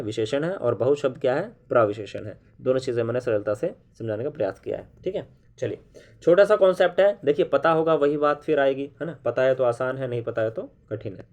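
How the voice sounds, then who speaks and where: Guy teaching hindi grammar online, mid pitch, slow and patient, keeps asking if you got it. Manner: explains slowly, with frequent "है ना" and "ठीक है" check-ins; repeats key terms for emphasis and puts questions to viewers. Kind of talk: classroom-style online lesson.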